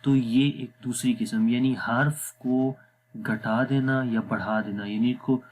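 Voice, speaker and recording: A man teaching Quran recitation rules in a patient lesson, often checking whether the listener follows and slowing down to sound out Arabic words. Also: mid-range voice, fairly even intonation, darkish tone, slight background noise. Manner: patient, repeats "theek hai?" to check understanding. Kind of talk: explanatory lesson.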